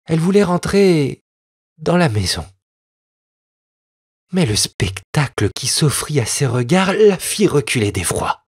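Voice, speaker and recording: A man narrating an old children's tale in an expressive, lilting reading voice with a husky tone. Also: on the high side, unhurried, long pauses, dry recording. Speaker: audiobook reader. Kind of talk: scripted storybook narration.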